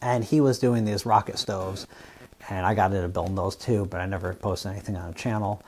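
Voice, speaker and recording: A man from the US Northwest who hosts a fabrication channel, talking casually and plainly to camera in a relaxed, rambling way. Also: fairly low pitch. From Washington State, US Northwest. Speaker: YouTube fabrication channel host.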